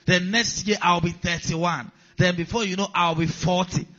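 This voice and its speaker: In a dull lo-fi recording, a male pastor delivers a sermon, repeating his key lines and calling out to the congregation. His voice is high-pitched, bright and forceful, with fairly even intonation and a moderate pace.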